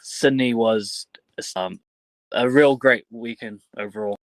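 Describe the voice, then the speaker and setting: Slow, halting man in casual interview. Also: medium pitch, no room sound, poor audio. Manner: halting, fragmented phrasing, some casual swearing. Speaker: professional wrestler being interviewed.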